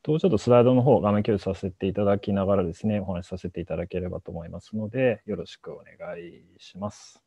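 A man's voice: low-pitched, fast, few pauses, dark tone, slightly rough, no echo. A man, a startup co-founder, giving a polite, hedging presentation in an online talk, with many fillers. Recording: muffled dry call audio.

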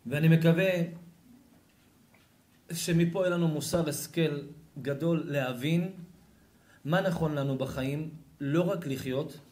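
A man, a rabbi, giving a Torah lesson as an animated storyteller in a lecture hall. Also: on the high side, pauses often. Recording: echoey room.

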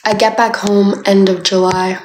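In a small room, a young adult woman from Canada livestreams on a phone held at arm's length, playfully chatting with viewers and using "like" a lot. Her mid-range voice has little pitch movement and a slightly slow pace. The audio is poor and roomy, with slight background noise.

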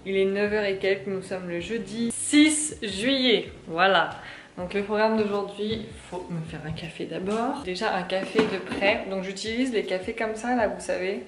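A woman's voice: medium pitch, normal speed, roomy sound, background noise. A young woman from France chatting casually to camera in her apartment, rambling with lots of fillers. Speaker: vlogger. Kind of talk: casual vlog chat. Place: apartment, indoors.

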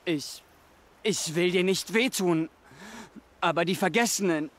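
A man's voice: high-pitched, measured pace, fairly bright tone. A man voicing a troubled young man haunted by voices, pleading and desperate in a video game dub. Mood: anguished.

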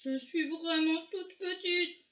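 A woman voicing a huge, gentle young female whale who is lost, slow and booming in a storybook reading. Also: roomy sound. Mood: whimpering. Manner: slow booming voice, later whimpering.

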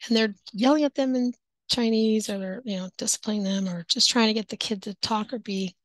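A woman's voice: medium pitch, fairly even intonation, brisk, no echo, rough recording. Woman, online English teacher, casual tips to camera, acts out classroom talk, whispered asides, mid-range voice, dry close sound. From native English speaker.

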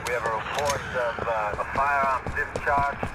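An actor playing a male police dispatcher in a video game, speaking over radio in a clipped, official, halting way. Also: mid-range voice, steady tone, very noisy. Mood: businesslike. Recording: police radio under loud gunfire.

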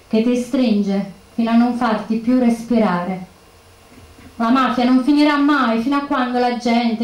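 An actress playing a woman who escaped the mafia and lives under witness protection, in a measured, emotional stage monologue. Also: fairly high pitch, darkish tone, natural voice. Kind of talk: theatrical monologue. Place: bookshop stage. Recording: echoey room.

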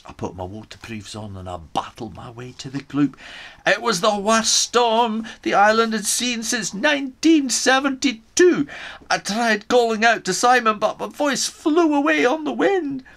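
A man's voice: very high-pitched, expressive, unhurried, creaky, fairly bright tone, voice pushed up, exaggerated voice. A man voicing a crafty Scottish island man, telling the story in the first person with a put-on Scottish accent. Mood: sly. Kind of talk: storytime reading in character.

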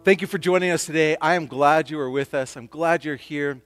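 A man's voice: on the high side, brisk, a bit bright, big-room sound, faint music behind. A man, a church pastor, welcoming online viewers and closing with a spoken blessing.

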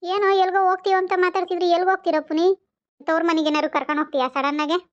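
A woman's voice: very high-pitched, level tone, racing. A woman playing a sarcastic but caring older village mother, in a wry, sing-song complaining manner, for an amateur family skit. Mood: teasing. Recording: slightly dull lo-fi sound.

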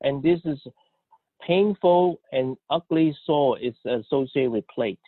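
Halting male interpreter on a tinny line. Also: medium pitch, breathy edge, no echo. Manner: halting, with many restarts and cut-off words. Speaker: sermon interpreter. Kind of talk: live consecutive interpretation. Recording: dry, tinny phone-like line.

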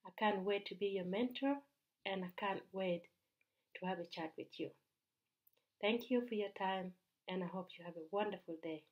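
A Ugandan woman in her thirties speaks straight to the camera in a bright room, her voice in a middle pitch. She pitches earnestly and persuasively, stumbling and restarting now and then. The sound is a little dull and lo-fi. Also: normal speed, long pauses. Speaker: business mentor. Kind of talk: direct-to-camera sales pitch.

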